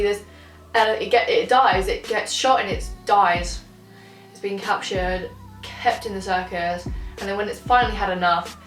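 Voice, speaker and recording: A young woman, chatting casually to camera as a vlogger, gushing and swearing a lot. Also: medium pitch. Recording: roomy sound, mic far off, faint music.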